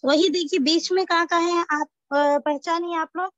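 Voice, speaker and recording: A woman's voice: very high-pitched, steady tone, moderate pace, a bit bright, no echo. A woman teaching a reading lesson. She patiently repeats example words and asks questions that she answers herself. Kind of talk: reading lesson, drilling word lists. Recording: dull, dry lo-fi recording.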